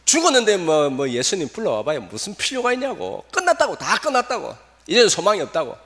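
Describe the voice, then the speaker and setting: A man's voice: sits high, wildly swooping pitch, fast, a bit bright, pitched above the performer's own voice, heavily acted. A male pastor voicing a blunt male messenger who insists there is no hope left and repeats himself. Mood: hopeless. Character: blunt male messenger bearing hopeless news. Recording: long reverb of a church hall.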